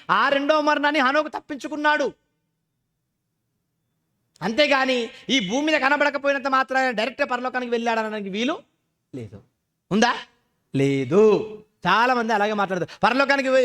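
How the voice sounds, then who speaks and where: Very high-voiced male preacher. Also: fairly bright tone. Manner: fires rhetorical questions at the congregation, answering them himself; emphatic preaching with interjections like "ha?". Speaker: pastor. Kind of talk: sermon.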